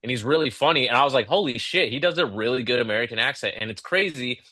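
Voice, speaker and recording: A man's voice: medium pitch, rapid-fire, sharp tone, dry recording. A man co-hosting a podcast, talking bluntly in casual chat and swearing freely. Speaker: podcast co-host.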